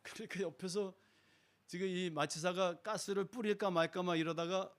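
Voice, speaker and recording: A man's voice: sits high, steady tone, normal speed. A middle-aged man giving a sermon testimony in a church, acting out the voices of the people in his story. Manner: dramatic storyteller, acts out quoted voices. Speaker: guest speaker giving testimony. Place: church sanctuary.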